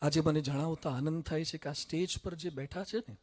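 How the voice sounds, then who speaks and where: A man giving a dramatic stage speech full of stories, swinging from loud to hushed. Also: fairly high pitch, fairly even intonation, fairly quick. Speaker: public speaker. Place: stage at a public event.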